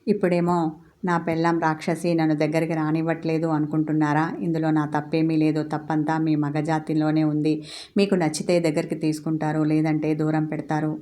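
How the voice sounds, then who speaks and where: A woman's voice: low-pitched, monotone, fairly quick, lightly acted. A woman voicing a fiery, scornful young bride. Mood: bitter. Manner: sharp, scolding. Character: fiery young bride, bitter toward men. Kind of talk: storybook character voice.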